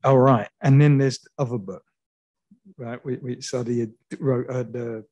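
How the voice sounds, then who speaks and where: A man's voice: medium pitch, fairly even intonation, moderate pace, a little mellow. A man moderating a panel discussion, with light joking asides. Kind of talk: panel discussion before an audience.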